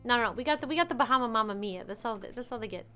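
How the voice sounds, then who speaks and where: A woman's voice: fairly high pitch, animated, rapid-fire, sharp tone. Frank, chatty woman over music. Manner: frank, swears freely. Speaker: streamer role-playing a theater owner. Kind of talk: casual in-character role-play chat.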